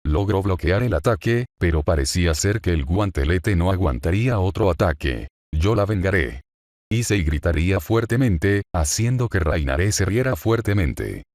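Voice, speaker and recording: Deep-voiced man narrating a fan story. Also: lively intonation, moderate pace, few pauses, a little mellow, no room sound, clean studio sound.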